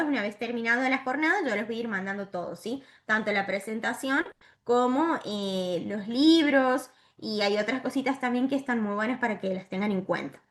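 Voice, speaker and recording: A woman giving a virtual training lesson to teachers, explaining step by step and often checking in with a quick "¿sí?". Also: on the high side, a bit bright.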